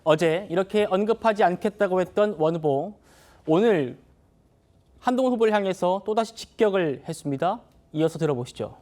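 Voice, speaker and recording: High-pitched male talk show host. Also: animated, moderate pace, darkish tone. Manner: brief introductions and prompts to guests. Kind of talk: broadcast talk show hosting.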